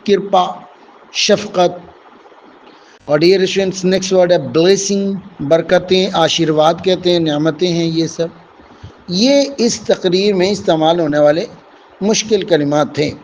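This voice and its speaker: Man, teacher, vocabulary lesson, slow word-by-word explaining, fairly high voice, faint background noise. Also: a little mellow, poor audio. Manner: explains each English word slowly with Urdu and Hindi meanings; addresses listeners as dear students.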